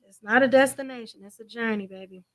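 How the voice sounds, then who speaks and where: A woman's voice: fairly high pitch, fast, a bit bright. A woman in her forties co-hosting a livestream from her home, chatting casually, laughing often and repeating phrases for emphasis. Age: 40s. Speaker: livestream co-host. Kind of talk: casual chat.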